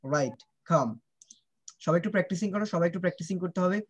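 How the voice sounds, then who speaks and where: With a high, racing voice and the highs cut off in the audio, a man leads an online pronunciation class for children. Switching between Bengali and English, he drills sounds and keeps asking if the students follow.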